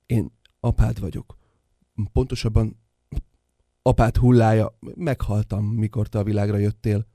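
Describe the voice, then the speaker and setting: A man voicing the corpse of a dead father who lectures his son gravely, in a radio play. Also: lowish voice, little pitch movement, long pauses, dark tone, dry recording, clean studio sound.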